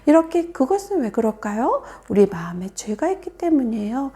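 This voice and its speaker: A woman telling a Bible story to children as a sermon, animated, often dropping to a soft whisper for emphasis. Her voice is high and mellow, and her pitch swings widely. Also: normal speed. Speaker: children's Sunday school preacher.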